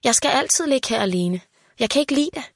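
A scared little girl who begs in a raised, pleading voice, as a woman reading a storybook puts her on. Her voice sits well above the reader's own, lifted and a little louder. The sound is dry and close. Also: high-pitched, animated, no echo, pitched above the performer's own voice. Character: frightened young girl, pleading and fearful.

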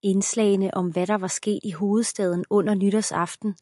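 A woman reading an erotic audiobook as narrator in a steady, even voice. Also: mid-range voice, no echo, studio quality. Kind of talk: scripted narration.

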